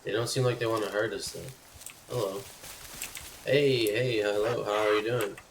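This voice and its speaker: A man's voice: on the low side, steady tone, moderate pace, far from the mic. A man streaming live gameplay commentary, who chats to his in-game companion and yelps and swears at sudden scares. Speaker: gaming streamer. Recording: echoey room, off-mic, noisy.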